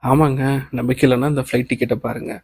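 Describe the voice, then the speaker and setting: A man reads the part of a kind male office boss in a novel's audiobook, calm and reassuring, with English phrases mixed in. His voice is medium-pitched and slightly rough, and he speaks quickly.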